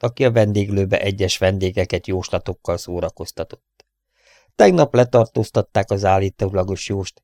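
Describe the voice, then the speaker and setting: A man voicing a composed middle-aged male police inspector in an audiobook, speaking calmly and in a measured way. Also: sits low, no room sound, studio quality. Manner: calm, measured. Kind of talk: audiobook character reading.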